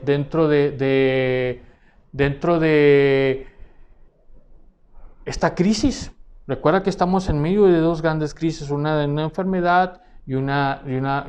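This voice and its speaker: Male pastor, earnest sermon delivery, slightly high voice, halting repetitions. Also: darkish tone. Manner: earnest, repeats words while searching for phrasing.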